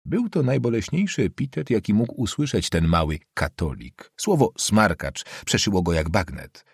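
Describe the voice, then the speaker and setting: A man reading literary prose aloud as an audiobook narrator, expressive and dramatic. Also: fairly low pitch, normal speed, gravelly, slightly rough, no room sound, clean studio sound.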